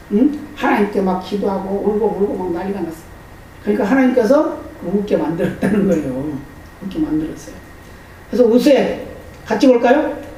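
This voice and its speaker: A man's voice: high-pitched, warm tone. A man preaching a sermon as pastor, speaking conversationally and often asking the congregation questions. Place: church sanctuary. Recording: echoey hall, distant mic, faint noise.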